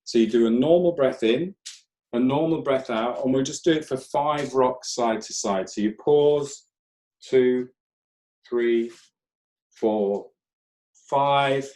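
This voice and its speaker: A man leading a live online breathwork class, counting breaths and giving calm, gentle step-by-step cues. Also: medium pitch, moderate pace. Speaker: breathwork instructor. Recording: roomy echo.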